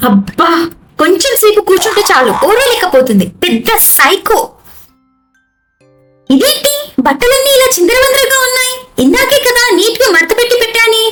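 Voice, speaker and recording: Woman playing young daughter-in-law, very high voice, lively, chatty, sly sweetness, faint music. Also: fairly quick, roomy sound. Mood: annoyed. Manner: chatty, talks to the audience, sweet with a sly edge. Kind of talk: amateur family comedy skit.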